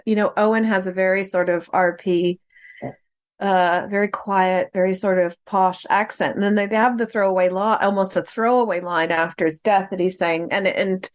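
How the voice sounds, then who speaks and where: A woman chatting in a podcast film discussion, animated and acting out quoted lines, with frequent fillers and restarts. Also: medium pitch.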